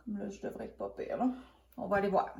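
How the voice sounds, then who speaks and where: A woman's voice: medium pitch, fast talker, gravelly, a little mellow, reverberant. A woman with a Quebec French accent and a cold, giving a casual painting tutorial in a chatty, rambling, hesitant way, thinking aloud. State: has a cold. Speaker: craft tutorial host.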